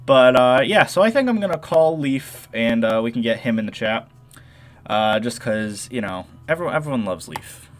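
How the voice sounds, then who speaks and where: A young man with a nasal voice hosts a casual modding livestream into a desk microphone. He rambles, doubles back and answers chat as he goes, at an ordinary middle pitch. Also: expressive, moderate pace.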